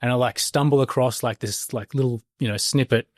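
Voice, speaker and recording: A man's voice: medium pitch, steady tone, a little fast, a little mellow, dry recording, studio quality. A man, a stonemason talking as a podcast guest in loose, rambling chat full of fillers and swearing. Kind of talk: casual conversation.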